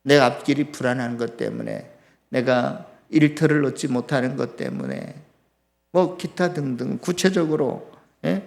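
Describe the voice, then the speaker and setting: A man's voice: medium pitch, sing-song, a little slow, creaky, a little mellow. A man preaching a sermon as pastor, impassioned, acting out complaints and putting questions straight to the congregation. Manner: impassioned, acts out complaints to God in raised voice; asks the congregation questions directly.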